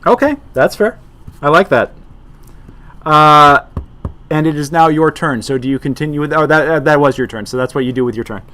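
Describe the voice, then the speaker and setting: A man's voice: fairly high pitch, moderate pace, bright, forceful tone. A man running a tabletop role-playing game as game master, informal and explanatory.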